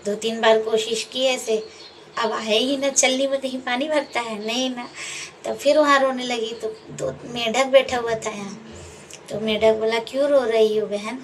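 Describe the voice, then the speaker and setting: A woman's voice: a little high, fairly even intonation, measured pace. Homely woman telling a folk tale. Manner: homely, conversational retelling with acted dialogue. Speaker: storyteller. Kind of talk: casual folk tale narration. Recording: distant mic with faint background noise.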